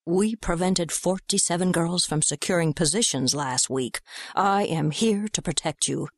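Storybook: woman reader doing a brisk, officious busybody, lowish. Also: no room sound, studio quality. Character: prim, officious young woman, self-important.

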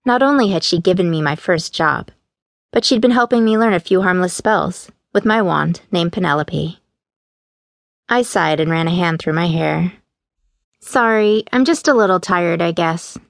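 Female audiobook narrator, first-person teen voice, low-leaning pitch, dry booth. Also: moderate pace, creaky, dry recording. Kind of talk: scripted narration. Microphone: studio mic, dry booth.

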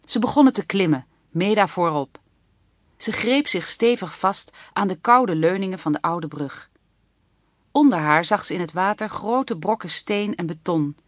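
Low-voiced woman narrating a children's book. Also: moderate pace, no echo, studio quality. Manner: even, clear storytelling. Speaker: audiobook narrator.

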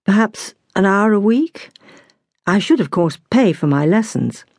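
A woman's voice: medium pitch, animated, a little slow, a little mellow, dry recording. A woman reading the part of a polite, eager young British army officer in an audiobook, her own voice barely changed. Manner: courteous, formal.

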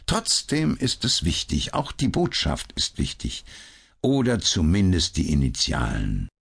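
A man's voice: deep voice, wildly swooping pitch, a little slow, gravelly, fairly bright tone, breathy edge, exaggerated voice. A man reading an audiobook, voicing the ironic, cool detective Sherlock Holmes with a raised, mocking tone. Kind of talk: audiobook character voice.

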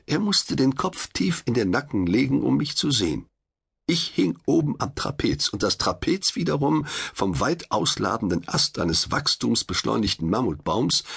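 A man narrating an audiobook in the first person, wry and confiding, with expressive reading. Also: medium pitch, creaky, husky.

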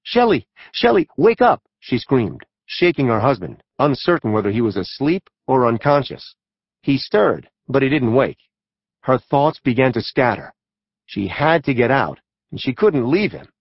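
A male narrator reads a true-crime audiobook in a measured, even style, at a mid pitch for a man. The recording is dry and close. Its sound is dull and lo-fi. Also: breathy edge, dry recording.

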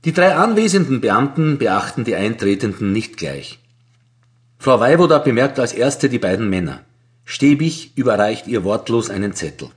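A man reads a crime story aloud with a Viennese accent. His middle-pitched voice moves freely up and down in a wry, storytelling way. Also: sing-song, moderate pace. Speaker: audiobook narrator. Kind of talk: scripted narration.

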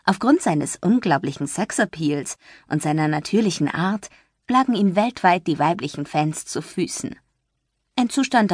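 A woman reading a novel aloud as audiobook narrator, lively and expressive, recorded close in a dry booth. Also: husky, dry recording. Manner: lively, voices the friends with light pitch shifts. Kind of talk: scripted narration. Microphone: close studio mic.

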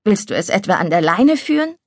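Woman doing a sensible, gently amused girl. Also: medium pitch, big pitch swings, a little fast, dry recording. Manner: gentle, reasoning. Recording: dry studio recording.

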